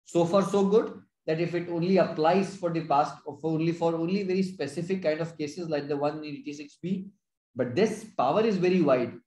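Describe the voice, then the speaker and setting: A man with an Indian accent explaining as a consultant in a webinar, haltingly, often repeating and rephrasing his phrases. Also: fairly high pitch, darkish tone. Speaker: tax consultant presenting a webinar. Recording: roomy, echoing webinar audio.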